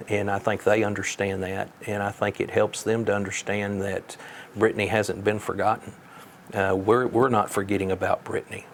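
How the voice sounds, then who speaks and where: A man speaking as a sheriff in an interview, giving measured answers in a plain-spoken, folksy way. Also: lowish voice, slight background noise.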